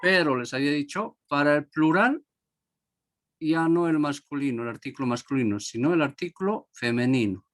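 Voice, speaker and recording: A man's voice: fairly high pitch, animated, normal speed. A man teaching a grammar lesson to a class, repeating each example word and asking if everyone understood.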